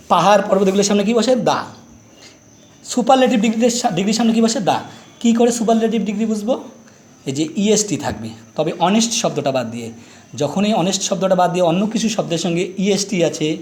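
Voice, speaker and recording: A man's voice: high voice, a little mellow. A middle-aged man teaching English grammar, explaining step by step and asking quiz questions as he goes. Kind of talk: grammar lesson explaining articles.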